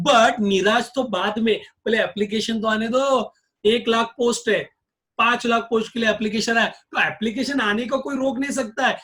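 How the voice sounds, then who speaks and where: High-voiced man teaching accounts. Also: pushed and bright. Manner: drills students with repeated questions. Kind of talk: classroom lecture.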